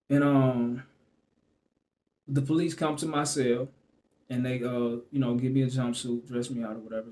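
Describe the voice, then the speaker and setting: A man at an ordinary mid pitch talks straight to camera, telling a personal story in a casual, rambling way. He leans on fillers and restarts his sentences, and he trails off often. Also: darkish tone. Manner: loose and rambling, full of "you know what I'm saying" and fillers.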